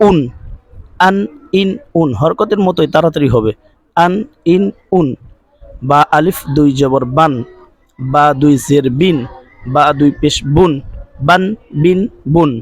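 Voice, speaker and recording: A man's voice: a little high, measured pace, pauses often, no room sound, low-quality recording. A man teaching Quran reading in an online class, patiently drilling syllables over and over and asking listeners to repeat after him. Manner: repetitive drilling of syllables, rising on recaps.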